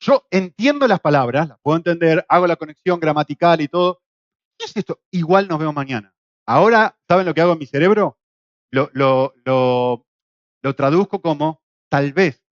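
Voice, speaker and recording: Middle-aged Argentine-accented male teacher, fairly high voice, dry and slightly muffled lecture sound. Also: moderate pace, dry recording. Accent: Argentine Spanish. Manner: lively, acts out quoted voices with shouts and jokes. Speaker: Bible course teacher. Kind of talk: classroom lecture. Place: classroom in Spain.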